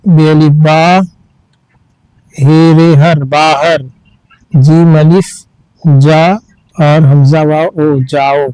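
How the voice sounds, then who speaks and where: A man teaching reading, spelling each word out letter by letter and then reading it slowly and patiently. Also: on the high side, little pitch movement, mellow, smooth, dry recording, low-quality recording. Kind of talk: slow letter-by-letter reading lesson.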